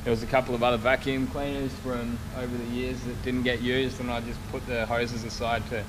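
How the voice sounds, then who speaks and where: A car spray painter and YouTube vlogger in his thirties gives a casual, rambling, blokey walkaround of a large workshop, speaking in a mid-range, level voice a little on the fast side. He films on an action camera held at arm's length, with workshop noise clearly audible.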